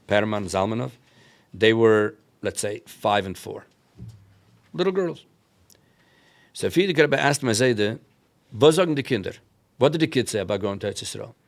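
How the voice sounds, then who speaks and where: Low, creaky-voiced man with inflection. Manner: mixes in many Yiddish and Hebrew words. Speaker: interview guest, rabbi telling family history. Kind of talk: conversational storytelling.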